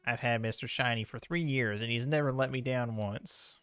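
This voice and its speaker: A man's voice: medium pitch, normal speed, a bit bright, smooth, dry recording, studio quality, faint music behind, close to an everyday voice. A man reading as a doting oddball janitor. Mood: earnest. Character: odd, doting male hospital janitor.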